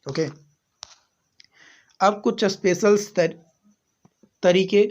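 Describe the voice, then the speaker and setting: Slow, muffled Indian-accented male teacher. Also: high-pitched, fairly even intonation. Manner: explains slowly, repeats rules, asks rhetorical questions. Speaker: English teacher. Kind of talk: slow classroom explanation. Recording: muffled lo-fi recording.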